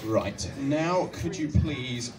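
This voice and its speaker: At night on an outdoor stage, a young man guides a cube solve into a handheld mic, his mid-range voice full of lively intonation. He sounds patient and polite, moving slowly through each step with gentle laughs. Crowd chatter and music bleed into the distant mic.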